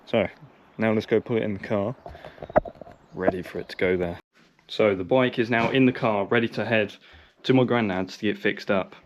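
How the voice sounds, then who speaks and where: A young man narrates casually while working on bikes in a car, sheds and a yard, giving plain, matter-of-fact commentary like a vlogger. His voice is on the low side at a moderate pace, and the recording is muffled with background noise.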